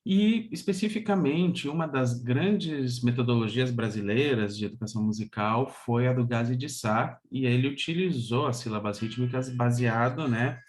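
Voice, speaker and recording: A man from Brazil leads an online music theory lesson at an easy, patient pace, checking in with his students now and then. He explains each step and chants short rhythm syllables to show the beat. His speaking voice sits at an ordinary middle pitch. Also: normal speed, hardly any pauses. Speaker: music teacher.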